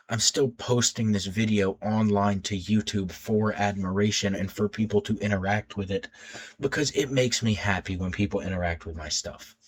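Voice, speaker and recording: Teen guy with a low deep voice, rambly unscripted vlog talk, stutters and restarts a lot. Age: late teens. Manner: stutters when nervous, rambling with many restarts. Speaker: YouTube creator.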